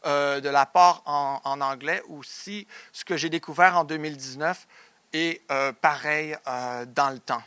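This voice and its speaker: Speaking with a Québécois French accent, this young man from Montreal, Quebec, Canada, is a doctoral researcher giving a conference presentation. His voice sits on the high side with a sharp tone, the recording is dry, and he frequently hesitates and starts sentences over.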